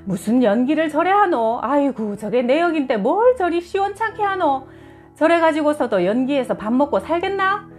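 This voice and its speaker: Scoffing, exasperated rural villager, read by a woman, slightly high, faint music. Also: expressive, moderate pace.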